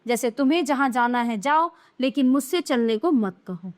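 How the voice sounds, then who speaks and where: A woman's voice: sits high, expressive, normal speed. A woman teaching a grammar lesson to young children, explaining patiently and answering her own questions.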